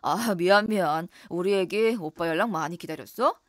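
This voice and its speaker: A woman voicing a scheming husband and son in a voice drama, smooth-talking and coaxing. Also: normal speed, no room sound, studio quality, close to an everyday voice. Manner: coaxing, lowered voice.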